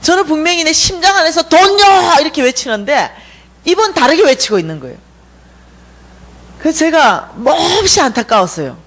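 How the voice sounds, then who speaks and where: A woman from South Korea giving a testimony as a guest speaker at a church revival, telling her story in an animated way and acting out the dialogue. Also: high-pitched, a little fast. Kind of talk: sermon testimony.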